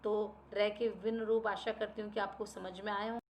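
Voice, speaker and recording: A woman teaching a grammar lesson, explaining slowly and listing examples one by one, often asking a question and then answering it herself. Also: mid-range voice, little pitch movement, background noise. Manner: slow, deliberate explaining with listed examples and self-answered questions.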